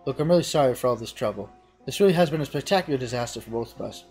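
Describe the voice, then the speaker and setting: A man's voice: mid-range voice, lively intonation, very fast, a little mellow, soft background music, natural voice. A man voicing a fretful innkeeper in a video game, reading the lines in an indignant, apologetic way. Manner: indignant, apologetic tavern talk. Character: fretful innkeeper bemoaning cursed cheese. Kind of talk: reading game dialogue aloud.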